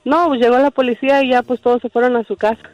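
A woman's voice: fairly high pitch, fairly even intonation, quick pace, dry recording, soft background music. A woman calling in to a radio show, telling her story plainly. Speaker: caller. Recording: dull dry phone line.

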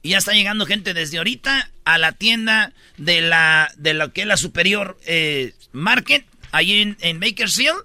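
A man's voice: high-pitched, lively intonation, moderate pace, hardly any pauses, pushed and bright, no room sound. A Mexican man co-hosting a radio show with playful, slangy, casual banter.

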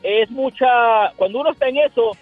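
Man, radio caller, high voice, halting speech, tinny phone line. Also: slightly rough, dry recording, soft background music. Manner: halting, searching for words. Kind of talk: phone-in talk. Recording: dry phone-line sound.

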